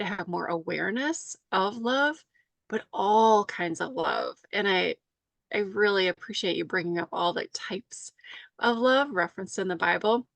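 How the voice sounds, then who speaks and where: Upbeat guest woman, dry gravelly voice. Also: medium pitch, a bit bright, dry recording. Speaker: guest health coach. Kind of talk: casual conversation.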